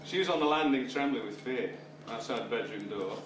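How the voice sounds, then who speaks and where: A little fast and mid-range in voice, a middle-aged or older British man delivers his father of the bride speech with a dry, wry sense of humour. The distant mic gives a roomy sound, and the background of room noise and laughing guests is clear.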